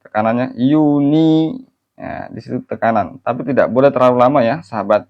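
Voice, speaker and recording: A man's voice: mid-range voice, normal speed, highs cut off. A man teaching Quran recitation in an online lesson, patiently explaining and repeating each point to his listeners. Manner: patient, repeats and addresses listeners warmly as friends; demonstrates melodic chanted phrases.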